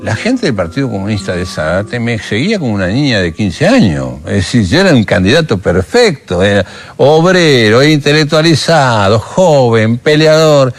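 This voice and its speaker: A man's voice: mid-range voice, normal speed. An older man with an Argentine Rioplatense accent, recounting his memories in a documentary interview and acting out remembered conversations as he talks. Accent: Argentine Rioplatense Spanish. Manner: animated storyteller who acts out remembered dialogue.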